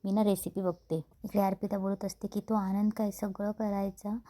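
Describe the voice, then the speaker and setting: This is a woman narrating a TV drama episode scene by scene, with a warm, mellow tone. Her pitch stays fairly level, and she lifts it only slightly when she slips into the characters' quoted lines. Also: level tone. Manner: quick plain retelling, lifting her voice a little for quoted lines. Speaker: serial episode recap narrator. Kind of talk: retelling a TV serial episode, voicing the characters' lines.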